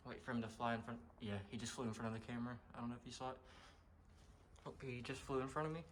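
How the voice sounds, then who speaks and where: A man's voice: mid-range voice, steady tone, racing. Man, out of breath, rambling explorer commentary, casual cursing, action-camera mic, noisy outdoor audio. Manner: rambling, offhand, swears casually. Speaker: urban explorer vlogger. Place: abandoned houses in an overgrown ghost town.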